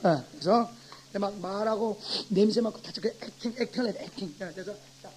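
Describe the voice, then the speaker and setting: A pastor giving an animated classroom lecture, a man who acts out his examples and swings from loud to soft. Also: high-pitched, brisk, breathy edge, rough recording.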